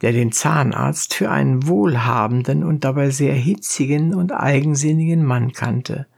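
A woman narrating a classic tale in a measured, deliberate audiobook reading. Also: rumbling low, gravelly, a little mellow, slightly rough.

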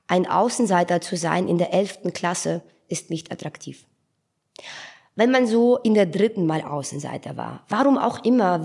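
A woman reads a story aloud in a husky, breathy voice. Her telling is calm and close. It sounds like an audiobook reading. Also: lowish voice. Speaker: narrator.

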